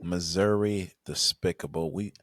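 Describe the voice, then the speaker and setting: A laid-back young man with a low voice runs through football results and stats, sighing now and then. He is recorded close to the mic in a dry room. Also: unhurried, fairly bright tone, no echo. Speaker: podcast host. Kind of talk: casual sports chat.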